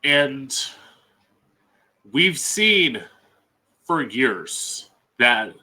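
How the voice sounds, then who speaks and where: A man's voice: mid-range voice, sing-song, drawn-out words, sharp tone. An American man hosting as a drag queen, giving blunt, emphatic opinionated commentary with frequent swearing. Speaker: drag queen podcast host.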